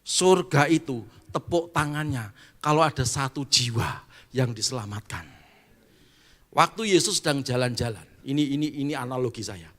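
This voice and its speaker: A male pastor preaches a Sunday sermon in a church, acting out little dialogues. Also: mid-range voice. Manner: animated, acts out dialogues in quick voices. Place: church hall.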